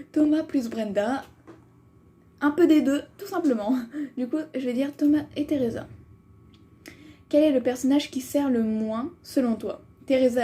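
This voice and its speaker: Woman vlogger, kinda high voice, super mellow tone, giggly and chatty, jokes about herself. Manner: chatty and giggly, with self-mocking asides. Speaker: vlogger doing a fan quiz. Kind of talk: casual chat reading quiz questions aloud.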